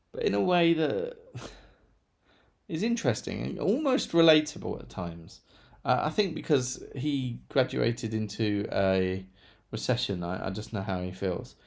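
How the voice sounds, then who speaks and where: A man's voice: medium pitch, gravelly, darkish tone. A man chatting casually through a monthly book review, rambling with self-deprecating asides. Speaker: book vlogger.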